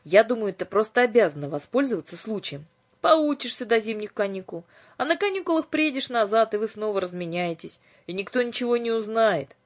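Woman reader doing a know-it-all teen boy, self-assured, lecturing, breathy; audiobook. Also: on the high side, expressive, brisk, pitched above the performer's own voice. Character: clever bossy teenage boy, know-it-all.

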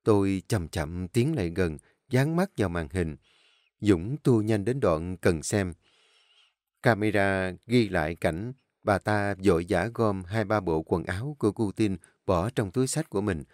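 A man narrating a first-person audio story with a measured, emotional reading. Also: deep voice, animated, no echo, studio quality. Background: soft instrumental music.

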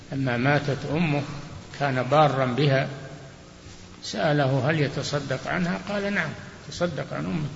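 A man's voice: mid-range voice, vocal fry. A man acting as a sheikh, answering religious questions with short, firm rulings in a question-and-answer lecture. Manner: short, firm rulings, often closing with "na'am". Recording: roomy, dull old hall recording with faint hiss.

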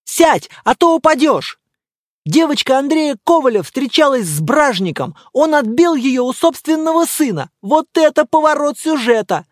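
A reader playing an overexcited man in an audiobook, shouting news into a phone, with a raised pitch and a loud, gossipy rush. The reading is lively and bouncy, recorded dry and close. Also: normal speed, dry recording. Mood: excited. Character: excitable male journalist on the phone.

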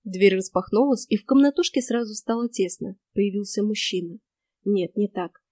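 A woman telling a lively first-person story as audiobook narration. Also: mid-range voice, moderate pace, no room sound.

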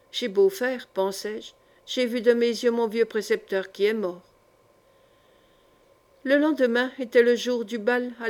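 A woman narrating a classic short story in a measured, dramatic way. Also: on the high side, a little mellow. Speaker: audiobook reader. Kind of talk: literary narration.

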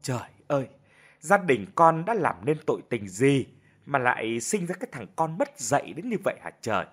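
A man voicing a stern mother who berates her grown son in a sharp, cutting way. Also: fairly low pitch, sing-song, measured pace, heavily acted. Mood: scolding.

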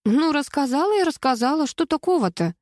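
A woman reading aloud, voicing a bubbly, chatty teenage girl in a higher, lively voice. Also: brisk, no room sound, clean studio sound, lightly acted. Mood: carefree.

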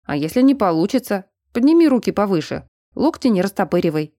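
A woman's voice: mid-range voice, big pitch swings, fairly quick, mellow, dry recording, studio quality, close to an everyday voice. A woman reading a male bear shapeshifter bodyguard in a teasing, bossy manner, in an audiobook.

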